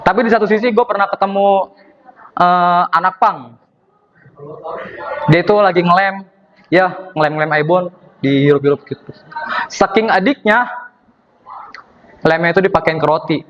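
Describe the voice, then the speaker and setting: A man's voice: high voice, normal speed, pauses often, muffled recording. A young male student performing stand-up comedy, acting out the people in his stories with changed voices. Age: young adult. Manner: acts out dialogue, switching voices for characters. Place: performance room at a university.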